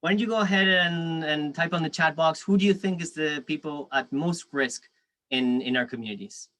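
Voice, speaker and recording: A man's voice: fairly high pitch, moderate pace, fairly bright tone. Spanish-accented man teaching an online workshop. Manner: friendly, reads chat aloud, frequent fillers. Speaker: food safety workshop instructor.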